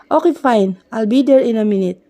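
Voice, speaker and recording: A woman's voice: fairly high pitch, normal speed, warm tone, close to an everyday voice. A woman voicing a cheeky little rich boy in a story reading, with a lightly raised, playful tone.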